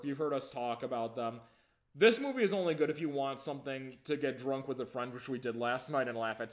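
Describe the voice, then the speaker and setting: Stammering, rambling male podcast host. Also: medium pitch. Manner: rambling, stammering restarts, laughs easily. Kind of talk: casual movie review chat.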